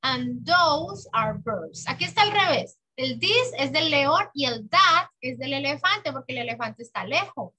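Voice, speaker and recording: A woman teaching English to children, patiently drilling words slowly and clearly in a bilingual lesson. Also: sits high, animated, sharp tone, a little hiss or hum, rough recording. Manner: patient, exaggerated slow pronunciation for children. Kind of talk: bilingual classroom lesson, slow drilled repetition.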